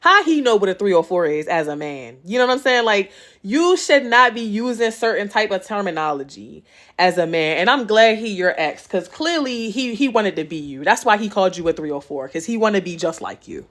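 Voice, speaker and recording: Answering viewer questions on her laid-back Q&A vlog, this West Baltimore host speaks with a Baltimore accent and a blunt, profane, streetwise edge. She's chatty, circling back with "okay?" and "you know what I'm saying." Her mid-range voice is animated, fairly quick, and fairly bright.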